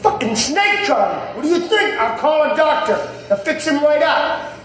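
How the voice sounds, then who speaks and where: A man playing a brash, hot-tempered young gangster in a crime film, profane and shouting with sarcasm. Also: extremely high pitch, very animated, normal speed, exaggerated voice. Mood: angry. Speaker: gang member and crime boss's son. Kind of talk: 1990s crime film acting. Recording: roomy film sound with faint hiss.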